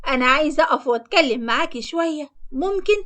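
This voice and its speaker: A pleading, persuasive married man caught up in an affair, as a woman reader puts him on, speaking Egyptian Arabic in a cartoon storybook. The voice stays high and light for a man, and the lines come out earnest and coaxing. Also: expressive, rapid-fire, pushed and bright. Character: insistent married man, smitten suitor. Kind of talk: storybook narration acting.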